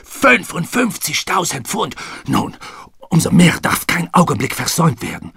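Man reading excitable manservant, indignant outbursts, husky tone, lively swoops, dry close recording. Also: fairly high pitch, moderate pace, dry recording, pitched above the performer's own voice, heavily acted. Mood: indignant, excited. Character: excitable loyal French manservant, male adult.

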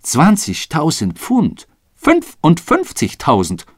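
A man voicing an excitable, loyal male manservant who bursts out in indignant exclamations, in a husky, dry audiobook reading. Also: medium pitch, normal speed, no echo. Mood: indignant, excited.

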